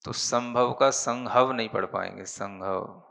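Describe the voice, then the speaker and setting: A man's voice: mid-range voice, gravelly, bright, forceful tone. A man teaching a Prakrit grammar class, patient and explanatory, often checking with his students that they follow. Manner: slow, patient, checks understanding with "है ना?". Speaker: Jain monk teaching Prakrit.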